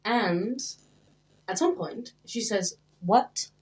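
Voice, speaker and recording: A young woman co-hosting a relaxed podcast conversation. She talks casually, laughs often, and slips into little acted-out voices for the people in her anecdotes. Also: fairly low pitch, normal speed. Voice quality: laughs often, acts out quoted exchanges. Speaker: podcast co-host. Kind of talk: casual chat.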